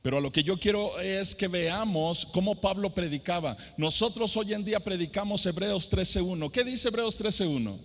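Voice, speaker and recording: A high-voiced Mexican pastor, middle-aged, preaching at a youth conference. He rises into an almost sung emphasis and keeps throwing rhetorical questions at the crowd. His voice rings with a long hall reverb. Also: normal speed, hardly any pauses, a bit bright. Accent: Mexican (San Luis Potosí). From San Luis Potosí, Mexico. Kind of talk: sermon.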